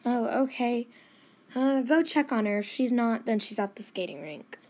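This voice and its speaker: A woman's voice: a little high, animated, normal speed, darkish tone, slight background noise, close to an everyday voice. A woman playing a tired, grumpy mother of two girls in a home-made skit, sighing and apologetic.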